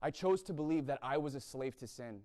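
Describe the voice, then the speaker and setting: A young man from the East Coast gives a blunt sermon-like talk at a university chapel event, often asking "right?". He speaks fairly quickly in a medium-pitched voice with lively intonation and a slightly mellow quality.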